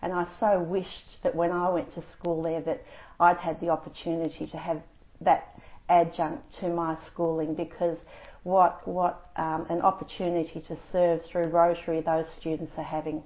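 A woman's voice: on the low side, little pitch movement, moderate pace. An Australian woman from Tasmania answering interview questions on community radio, friendly and articulate. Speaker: guest, Rotary district governor-elect. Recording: dull lo-fi radio recording.

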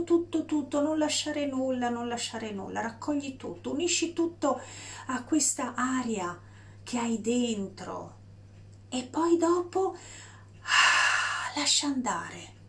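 A woman guiding a breathing meditation in a slow, soft, soothing voice with long pauses. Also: medium pitch, gravelly. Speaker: meditation guide.

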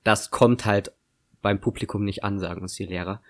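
A man's voice: lowish voice, steady tone, moderate pace, fairly bright tone. A young man co-hosting a casual podcast, talking with lots of fillers and restarts. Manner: hesitant, many fillers and restarts. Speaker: podcast co-host.

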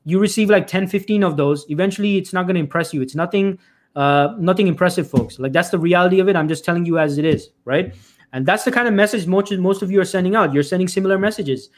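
This high-pitched, fast-talking man coaches job seekers on a live stream. He calls viewers "folks," hammers his points emphatically and repeats them, and often restarts sentences with a filler "uh."

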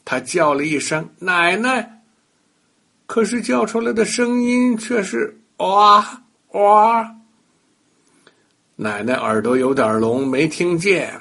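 An older man narrating a bedtime story for children, talking lively and speaking directly to the young listeners. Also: a little high, normal speed, vocal fry, hardly any pauses, husky.

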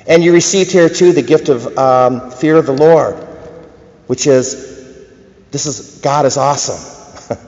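Echoing church reverb, slightly muffled sound, male priest, medium pitch, liturgical preaching, deliberate phrasing with pauses. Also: darkish tone. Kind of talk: liturgical gospel reading and sermon. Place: large church, indoors.

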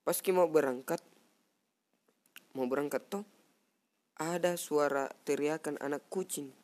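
A young man from South Sulawesi with a Makassar Indonesian accent, telling a story in casual chat on a cheap headset mic, animated and acting out sounds. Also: fairly high pitch, unhurried. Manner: animated, mimics sounds and acts out friends' lines. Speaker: guest storyteller.

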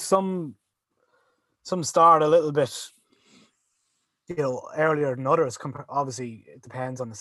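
A man talks casually and in a rambling way, full of fillers and restarts. His voice is husky, and the sound is dry and close. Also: fairly high pitch, dry recording. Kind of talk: casual chat.

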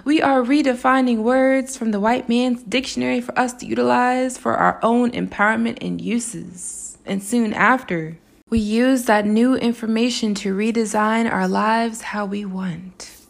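A woman's voice: fairly high pitch, measured pace, gravelly. A woman hosting her own podcast, talking through her thoughts in a musing, spiritual and playful way. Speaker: podcast host. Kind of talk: reflective solo podcast monologue.

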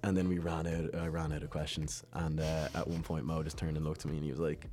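A man's voice: very deep voice, fast talker, soft background music. A young man telling a casual story and acting out other people's lines. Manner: animated, acts out other people's voices in quotes.

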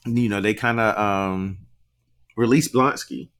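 Man, lowish voice, podcast co-host, casual recap, laughs. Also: a little slow. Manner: relaxed, recaps scenes with quoted lines and laughs. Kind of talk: casual chat.

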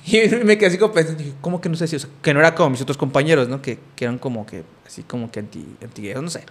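A man's voice: a little high, rapid-fire, slightly rough. A young man with a Mexican Spanish accent, telling a story in casual chat, rambling with many fillers and restarts.

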